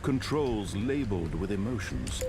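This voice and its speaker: An actor playing a grave, theatrical game narrator, telling a scripted story deliberately with rhetorical questions. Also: male voice, lowish voice, lively intonation, noisy background. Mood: solemn, resolute.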